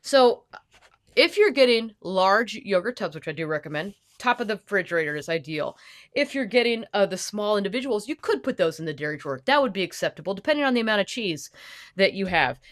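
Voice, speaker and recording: A woman's voice: mid-range voice, sing-song, dry recording, studio quality, close to an everyday voice. A woman hosting a comedy podcast as a fussy, intense perfectionist who lectures emphatically into a podcast microphone. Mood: fussy instruction. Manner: fussy, emphatic, lecturing, quick to get heated. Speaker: podcast host in character.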